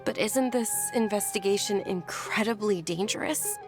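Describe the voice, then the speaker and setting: A woman's voice: mid-range voice, normal speed, music in the background, lightly acted. Game cast: woman playing a polite, hesitant young noblewoman, mid-range voice. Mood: concerned. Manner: soft-spoken, hesitant, polite. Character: gentle, caring young noblewoman. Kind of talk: game voice acting, story dialogue.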